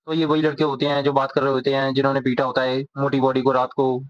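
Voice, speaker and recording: A man narrating a comic's plot as a rapid storytelling recap, voicing each character. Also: mid-range voice, completely flat delivery, no room sound. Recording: dull, dry lo-fi recording.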